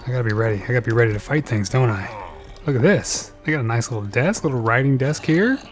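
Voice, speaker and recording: A man commentating his own video game play, talking to himself nervously and breaking into excited yelps when danger appears. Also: medium pitch, quick pace. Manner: nervous, self-talking, frequent "oh boy", jumps to excited yelps. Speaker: let's play gamer. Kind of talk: gameplay commentary. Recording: game music behind the voice. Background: game music.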